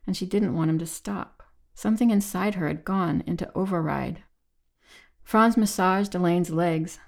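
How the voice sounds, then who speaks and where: A woman reading a novel aloud in measured, even audiobook narration. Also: fairly low pitch.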